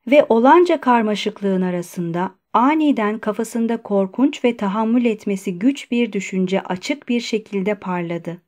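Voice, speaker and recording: A woman reads an audiobook in a calm, measured narration. Her voice sits slightly high, steady and even. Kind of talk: scripted narration.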